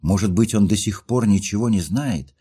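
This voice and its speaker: A man's voice: lowish voice, moderate pace, dark tone, slightly rough, pitched above the performer's own voice. A man reading a story aloud, voicing a hurt young woman who pleads through tears. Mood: pleading. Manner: impassioned, pleading questions.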